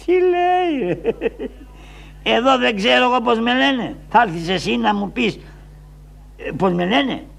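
A man voicing Karagiozis, a cheeky, forgetful poor man from traditional shadow-puppet theatre, with a high, whining, stammering voice. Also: animated, vocal fry, long pauses, fairly bright tone, exaggerated voice. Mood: dazed, carefree.

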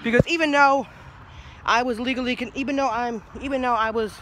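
Chatty high-voiced young man vlogging outdoors. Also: steady tone, fairly quick, noisy background. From New Jersey. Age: young adult. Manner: chatty, rambling, easily sidetracked, swears casually. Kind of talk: casual rambling vlog. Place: outdoors by a brick house in a grassy yard. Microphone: phone held low at arm's length.

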